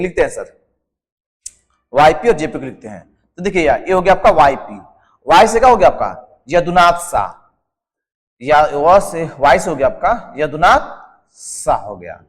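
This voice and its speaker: A man's voice: on the high side, long reverb tail. Hindi-accented male tutor drilling mnemonics. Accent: Jharkhand Hindi. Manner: drills answers as questions, repeats each term; constantly adds a respectful "sir" to the students. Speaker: exam coaching teacher. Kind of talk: whiteboard lesson with a mnemonic.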